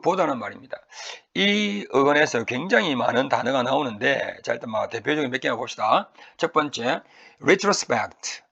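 Gravelly Korean vocabulary teacher drilling words. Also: male voice, medium pitch, fairly bright tone. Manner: drills pronunciation with repeated words, stretched slowly; asks and answers his own questions. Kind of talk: recorded vocabulary lecture.

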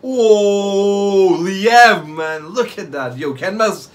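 A young adult man with a somewhat high voice hosts a reaction, giving excited live commentary in casual street slang like "yo," "fam," "bro," and "no cap." He rapidly repeats short phrases, makes excitable exclamations, and swears freely. He's indoors in a small bedroom or home room.

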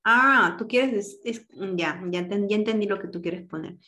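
A woman's voice: medium pitch, moderate pace, pushed and bright. Woman teacher, directive online class voice, patient explainer.

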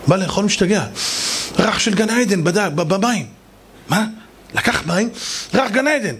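A man, a rabbi, telling a story in a lively sermon, slangy and addressing his listeners directly. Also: high voice, slight background noise. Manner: animated, slangy, talks to the audience. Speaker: rabbi, preacher.

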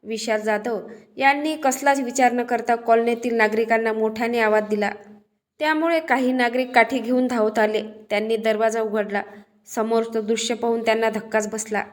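A woman narrating a true crime story in a steady, scripted storytelling delivery. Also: fairly high pitch, moderate pace.

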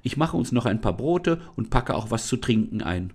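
A man's voice: medium pitch, very animated, moderate pace, darkish tone, husky. A man voicing a fussy, caring mother in a storybook reading, speaking in a raised, urgent voice.

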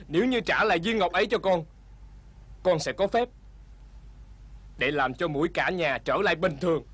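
A man playing a calm, forgiving young husband in a dubbed folk-tale drama. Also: high-pitched, normal speed, pauses often, slightly rough.

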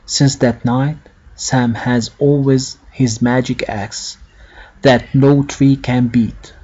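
A man slowly reading a children's story aloud in a deliberate storytelling manner. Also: mid-range voice, warm tone, slightly rough. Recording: dull lo-fi home recording.

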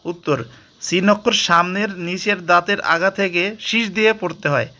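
A man teaching Arabic letters in a patient recitation lesson, repeating each sound slowly and asking and answering his own questions. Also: sits high, sharp tone.

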